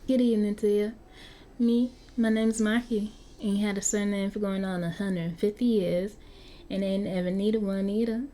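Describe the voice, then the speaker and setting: A woman's voice: medium pitch, steady tone, moderate pace, mellow, a little hiss or hum, lightly acted. A woman with a Southern US accent voicing a cocky, slangy vampire who has been stuck looking nineteen for over a century, while reading an interactive story aloud. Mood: flippant. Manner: chatty, flippant, slangy. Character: cocky young-looking vampire, century-old street kid.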